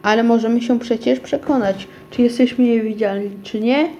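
A woman's voice: on the high side, moderate pace, warm tone, lo-fi sound, a little hiss or hum, natural voice. A woman voicing an eager, persuasive young boy in a storybook reading. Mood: reasoning. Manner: pleading, enthusiastic.

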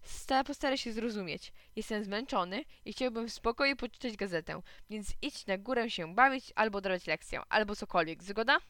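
A woman's voice: medium pitch, moderate pace, hardly any pauses, fairly bright tone, no echo, lightly acted. A woman reading a tired, exasperated father in a storybook. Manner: weary, exasperated. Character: tired irritable father wanting peace.

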